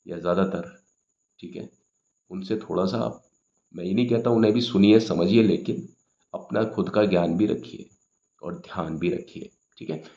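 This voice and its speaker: Low, gravelly man teaching patiently. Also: mellow. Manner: patient, repetitive explaining with frequent "ठीक है" check-ins. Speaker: English teacher. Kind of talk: explanatory grammar lesson. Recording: echoey room, dull lo-fi sound.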